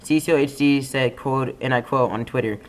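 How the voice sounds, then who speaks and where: A young man giving casual, rambling commentary over a game, trailing into mumbled asides and then suddenly yelling. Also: medium pitch, fairly quick. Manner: rambling, excitable, swings between mumbling asides and sudden yells. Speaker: gaming YouTuber. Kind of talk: casual let's-play commentary.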